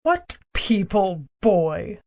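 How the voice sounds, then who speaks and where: A woman voicing a proud, cruel ancient queen and sorceress in an audiobook, speaking in a slow, imperious, theatrical way. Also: medium pitch, big pitch swings, a little mellow. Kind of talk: audiobook character reading.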